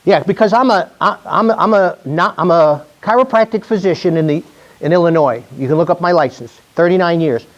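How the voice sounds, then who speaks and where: A man's voice: fairly high pitch, a little fast, dull audio. A man in his sixties, a chiropractor giving a joking, chatty talk to a live audience, often restarting his sentences. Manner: chatty, self-mocking, with many restarts.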